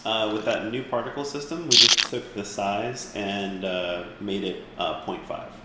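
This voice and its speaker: Echoey low-voiced man teaching software. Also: unhurried, very noisy. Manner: relaxed, rambling, with fillers and restarts. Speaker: instructor. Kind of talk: live class software tutorial.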